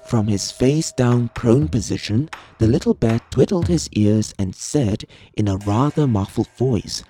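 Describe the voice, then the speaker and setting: A woman storyteller reading a children's story aloud in an expressive, cozy way. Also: a bass voice, a little slow, a little hiss or hum. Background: music.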